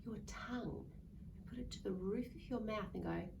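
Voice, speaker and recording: A woman with a medium-pitched, vocal-fry voice reads a picture book to young children at a moderate pace, sing-song and coaxing them to join in. The mic is distant, with faint background noise.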